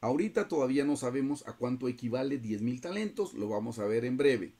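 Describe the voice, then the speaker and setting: A man's voice: medium pitch, expressive, fairly quick, mellow. A man teaching a Bible study over a video call, earnest and often addressing his listeners as brothers.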